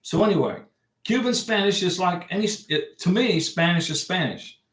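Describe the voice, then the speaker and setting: High-voiced and animated, a US man chats casually about visas on a home livestream, reading viewers' comments and rambling through his answers. He keeps a moderate pace, his tone is a bit bright, and the room sounds echoey.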